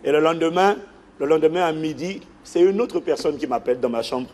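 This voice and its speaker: A man preaching a sermon as a pastor, telling a story in an animated way and acting out the people in it. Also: a little high, fairly quick, some chatter behind, slight background noise. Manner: animated storytelling, acts out the people in his stories.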